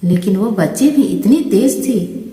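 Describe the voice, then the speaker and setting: A woman hosting her own channel and narrating a devotional story in a gentle, even storytelling manner. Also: mid-range voice, a little slow. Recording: roomy distant mic with long reverb.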